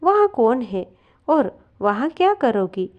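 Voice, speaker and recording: A woman reading the lines of a calm, worried young husband who speaks in a reasonable, even way, at a slow pace. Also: on the high side, lo-fi sound. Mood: concerned.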